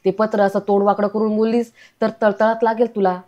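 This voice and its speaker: A woman's voice: mid-range voice, little pitch movement, a little fast, mellow, muffled recording, close to an everyday voice. A woman voicing a bossy, nagging older mother-in-law in a retold family serial. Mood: scolding. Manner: nagging and lecturing.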